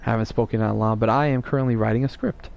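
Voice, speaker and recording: Gravelly-voiced man rambling on a stream. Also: mid-range voice, steady tone, fast talker, a little mellow, lo-fi sound. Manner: rambling, chatty, teasing. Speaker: live streamer. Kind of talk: casual live-stream chat answering viewers.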